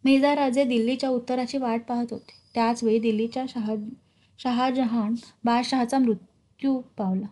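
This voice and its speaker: A woman giving scripted narration of a historical novel in a steady, even storytelling voice. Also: fairly high pitch, moderate pace.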